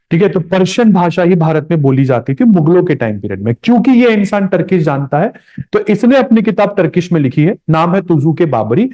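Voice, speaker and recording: Male history teacher, slightly high voice, chatty classroom delivery, muffled lo-fi sound. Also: dark tone. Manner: conversational, addresses students directly, repeats key points. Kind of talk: classroom lecture. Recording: dull lo-fi recording.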